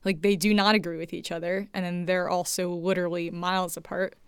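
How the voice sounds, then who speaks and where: A woman's voice: lowish voice, little pitch movement, a little fast, smooth, no echo, studio quality. A woman hosting, narrating a scripted radio story in a conversational way. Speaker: narrator, host.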